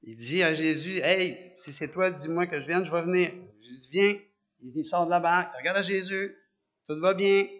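A man preaches with a Quebec French accent, his voice a little high and forceful. He talks in an animated way, fires off rhetorical questions and keeps restarting his sentences. The recording is dull and lo-fi. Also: moderate pace. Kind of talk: sermon.

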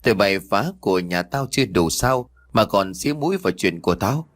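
A man's voice: lively intonation, fairly quick. A man voicing a jealous, furious middle-aged wife who hurls accusations at her husband in an audio story. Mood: vengeful. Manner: shrill accusing shouts.

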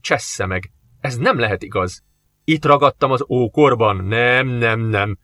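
A man's voice: mid-range voice, very animated, pushed and bright, dry recording, studio quality. A man reading an audiobook, voicing a harried male police captain who speaks brusquely and with exasperation. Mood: panicked.

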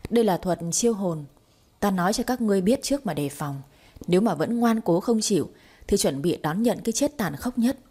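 A woman's voice: medium pitch, expressive, a little fast, dark tone, breathy edge. A woman voicing a bold, cunning young woman who speaks sternly and commandingly. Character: sharp-tongued young woman playing medium, bold and cunning.

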